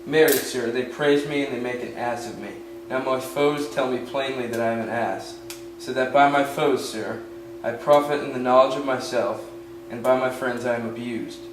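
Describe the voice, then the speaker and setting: A man's voice: mid-range voice, fairly even intonation, normal speed, over music, natural voice. A young man playing a witty, mocking jester in an amateur Shakespeare performance, with playful, punning delivery. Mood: teasing. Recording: echoey room, far from mic, noisy.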